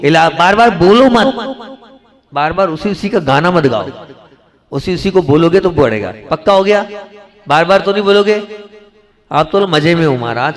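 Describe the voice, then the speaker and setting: Monk preaching to a gathering. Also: male voice. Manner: exhorting, asks the audience questions and repeats phrases; swings from soft and slow to loud and high for emphasis. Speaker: Jain monk. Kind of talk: sermon.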